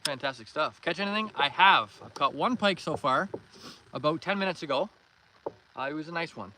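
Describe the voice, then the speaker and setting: Brisk, bright and forceful, his higher-pitched voice carries plenty of expression. The Canadian man chats casually on a livestream from a canoe on a pond, reading viewer comments aloud, replying, and greeting and thanking people by name in a welcoming way. Background water and canoe sounds fill the noisy outdoor recording.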